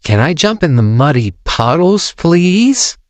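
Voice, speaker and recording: A man voicing a bossy, excitable little girl piglet in a storybook read-aloud, with an eager, pleading manner. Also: fairly high pitch, slow pace, dry recording, voice pushed up.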